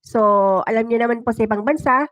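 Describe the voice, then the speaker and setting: On her livestream, a Filipino-accented storyteller and host talks at a quick pace in a voice on the high side, narrating dramatic first-person stories and chatting casually with viewers. There's no echo in the recording.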